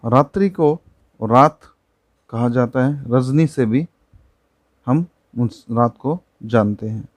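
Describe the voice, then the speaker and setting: A man's voice: mid-range voice, slow, pauses often, dry recording. A man teaching a primary-school Hindi lesson, patiently explaining words with examples.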